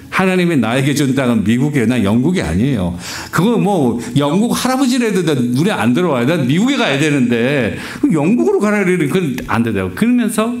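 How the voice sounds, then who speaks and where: Lively middle-aged man preaching with humor. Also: mid-range voice. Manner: humorous, animated anecdote-telling, laughs often. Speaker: pastor. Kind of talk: storytelling sermon. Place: church sanctuary. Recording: roomy church reverb.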